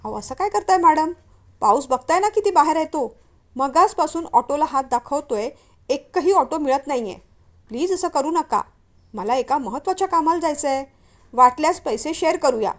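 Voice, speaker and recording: A woman reads the part of an educated young man, pleading and earnest, in a higher voice than most men. He talks politely and keeps pressing his case. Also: lively intonation, moderate pace.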